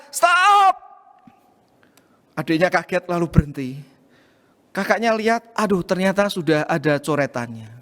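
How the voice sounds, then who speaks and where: A male pastor preaching a sermon, telling a personal story in an animated way and often addressing the congregation directly. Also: high voice, in a large hall.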